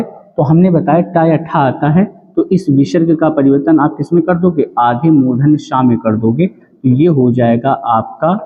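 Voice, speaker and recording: A man teaching an exam-prep grammar lesson, who drills each rule with repeated lines and quiz questions to the listener, and who stretches out the syllables of his examples. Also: on the high side. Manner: drawn-out, spelled-out syllables on the examples. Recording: tinny, lo-fi sound with a long echo.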